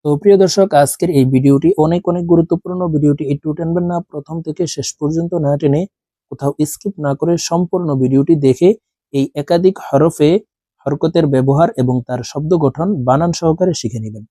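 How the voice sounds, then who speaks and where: A man teaching Quran reading in a Bengali lesson, moving between brisk explanations and slow, drawn-out chanting of letter and vowel drills. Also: fairly high pitch, dark tone, no room sound. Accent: Bangladeshi Bengali.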